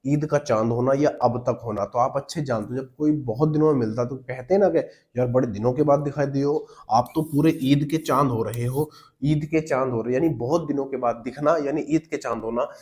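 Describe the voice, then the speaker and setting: Mellow-voiced man teaching an exam lesson. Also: medium pitch, brisk. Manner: explains step by step, asks and answers his own questions; calls listeners brother.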